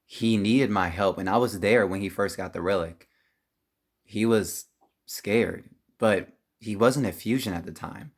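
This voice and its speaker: Kinda low-voiced guy doing game roleplay, emotional, voice shoots up when upset. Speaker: roleplay player. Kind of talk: voicing characters in a game roleplay.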